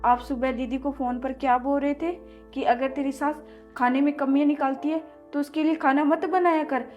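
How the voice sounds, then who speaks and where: A woman's voice: high voice, darkish tone, highs cut off, close to an everyday voice. A woman acting as a young daughter-in-law in a home-made family drama, talking back firmly. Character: young daughter-in-law, patient then firm. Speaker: actor in a family skit. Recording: faint background music.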